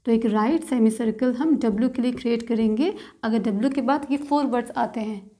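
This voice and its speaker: A woman teaching shorthand in a patient lesson, slowly breaking words into their sounds one by one. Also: fairly high pitch, dark tone. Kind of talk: step-by-step instructional lesson.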